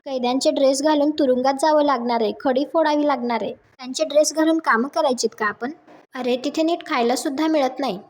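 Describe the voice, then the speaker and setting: A woman reading out the lines of a bitter, scheming woman who faces jail and swears revenge, in a plain high recap voice. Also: a little fast, natural voice.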